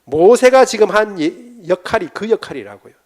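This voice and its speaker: Questioning Korean pastor teaching a seminar. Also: male voice, sits high, sing-song, fairly quick, a little mellow. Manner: asks the congregation questions and acts out quotes.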